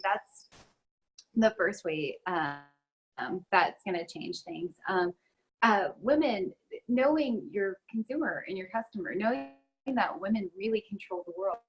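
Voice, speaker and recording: A woman speaking as a guest in a relaxed interview chat. Her voice is a little husky and breathy. She pauses often with ums and uhs as she works out her points. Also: mid-range voice, poor audio. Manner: talks with many ums and uhs.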